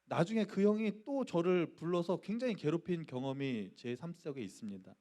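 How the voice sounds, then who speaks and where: A man's voice: on the high side, expressive, brisk, warm tone. A middle-aged man, a pastor, giving a youth sermon in a church and telling a story while acting out the voices in it. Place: church sanctuary.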